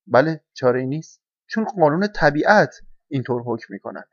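A stern old male crow lectures from above, his voice pushed up high and sharp above the narrator's own, as a man puts him on for a storybook. The sound is dull and dry, like a lo-fi home recording. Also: animated, dry recording. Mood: insistent. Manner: lofty and insistent. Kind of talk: storybook reading.

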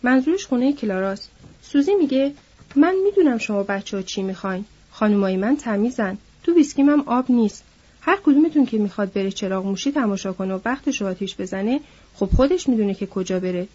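A woman voicing a chatty young male ranch hand who gossips loudly and eagerly, in a storybook reading. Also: mid-range voice, slightly rough. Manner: loud, lively gossiping. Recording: dull lo-fi audiobook recording.

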